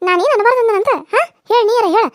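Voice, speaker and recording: Woman voicing a shrill scolding village mother-in-law. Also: dry recording, clean studio sound. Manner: loud, scolding, rapid-fire nagging. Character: sharp-tongued older village mother-in-law, quick to scold. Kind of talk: cartoon serial voice acting.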